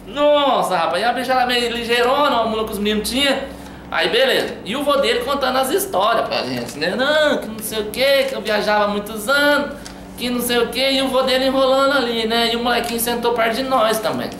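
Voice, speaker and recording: Man, lively casual storyteller, bright tone, faint noise. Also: extremely high pitch, fast talker, echoey room. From Brazil. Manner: lively, chatty, laughing. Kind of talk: casual anecdote telling.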